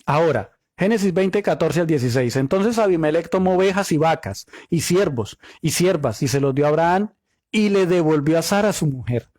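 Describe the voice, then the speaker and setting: Guy teaching bible study, fairly high voice, reads verses then explains the hebrew words, dry close sound. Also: expressive, normal speed, a little mellow, no echo. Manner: reads scripture aloud and explains Hebrew word meanings, asking rhetorical questions.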